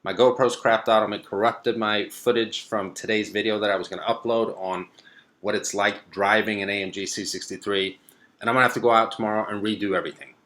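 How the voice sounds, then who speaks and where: Reading viewer comments aloud on his live stream, a young man from Sweden responds in a laid-back, wandering way, leaning heavily on fillers. He speaks briskly in a lowish voice.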